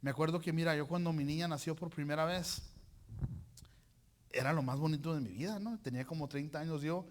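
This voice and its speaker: Lively preacher with a raised voice. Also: male voice, on the high side, brisk. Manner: animated, joking, uses colloquial slang. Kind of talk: sermon.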